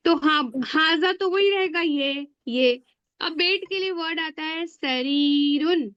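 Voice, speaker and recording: A woman teaching a beginner Arabic class online, drilling words slowly and asking the class to repeat after her. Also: high voice, a bit bright, no room sound, highs cut off.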